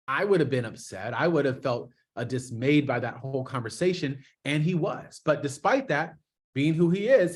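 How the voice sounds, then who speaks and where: Male speaker, higher register, earnest storyteller giving a campus talk and acting out quotes. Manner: earnest, acts out the people in his story; emphatic, builds to stressed points. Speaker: guest speaker to college students. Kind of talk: educational speech with personal storytelling.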